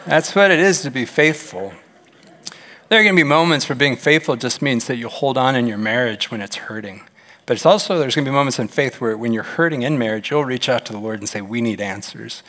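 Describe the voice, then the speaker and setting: Animated male pastor in reverberant hall. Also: a little fast. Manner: animated, acts out quoted voices with big pitch jumps. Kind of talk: sermon.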